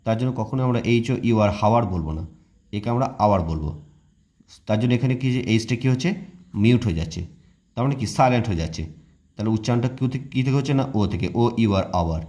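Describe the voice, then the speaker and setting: A man whose first language is Bengali teaches a classroom-style English grammar lesson at a brisk clip. He spells words out letter by letter, asks a question and answers it himself, and keeps driving the explanation forward. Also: medium pitch, darkish tone.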